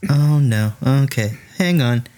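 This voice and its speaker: A man's voice: medium pitch, animated, takes it slowly, warm tone. Playful laughing male player. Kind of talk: casual tabletop play.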